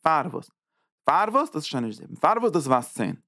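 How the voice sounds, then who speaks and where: A man teaching a Torah lecture as a rabbi, repeating phrases and checking in with quick "ja?" asides. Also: on the high side, sing-song, gravelly, pushed and bright, no echo, clean studio sound. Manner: tags points with quick "ja?" checks; repeats and restarts phrases while building an idea.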